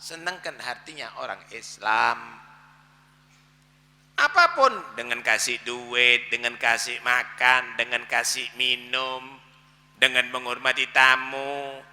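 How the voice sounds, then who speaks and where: Bright-voiced, dramatic male preacher. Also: medium pitch, slow pace, in a large hall. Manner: dramatic storytelling, swings from loud to hushed. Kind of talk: sermon.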